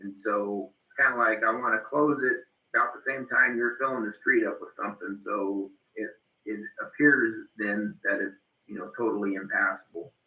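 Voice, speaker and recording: A man's voice: lowish voice, fairly even intonation, normal speed, pushed and bright. A man raising a practical concern in plain, informal meeting talk. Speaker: meeting participant. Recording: roomy, echoing meeting audio.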